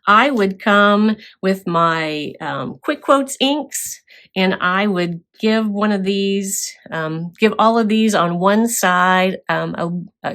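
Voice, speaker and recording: A woman's voice: mid-range voice, fairly bright tone. Woman teaching a scrapbooking class. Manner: step-by-step explaining with fillers. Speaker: craft class instructor. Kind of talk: scrapbooking demonstration.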